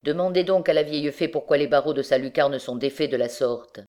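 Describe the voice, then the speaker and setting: A woman's voice: sits low, fairly quick, a little mellow, lightly acted. A woman reading an audiobook, voicing a suspicious male soldier who probes with smug remarks. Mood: probing.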